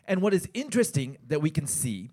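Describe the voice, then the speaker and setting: Pastor, male, slow measured sermon delivery, lively pitch, phrase by phrase for an interpreter. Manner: pauses in short phrases for the interpreter, prays softly.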